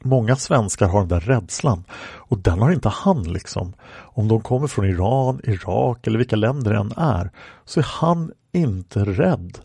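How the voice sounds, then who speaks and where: A man's voice: fairly low pitch, lively intonation, gravelly, mellow, breathy edge, no echo, exaggerated voice. A man reading aloud a woman's answers in a police interrogation record, rambling with many fillers. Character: woman questioned by police, plain-spoken.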